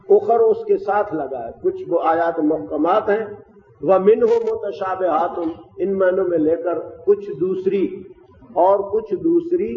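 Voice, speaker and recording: A man with a fairly high voice delivers a slow, methodical lesson and keeps pausing to lay out each point. He sounds far from the mic, in a roomy hall with a long echo. The recording is dull and muffled, with a faint hiss behind it. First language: Urdu. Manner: explanatory, methodical, pauses often. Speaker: teacher of Quranic Arabic grammar. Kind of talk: classroom lecture.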